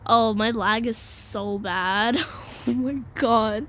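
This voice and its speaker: A young woman giving casual, giggly gameplay commentary, excitable and slangy, with sudden shrieks. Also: on the high side, slow, a little hiss or hum. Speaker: gamer.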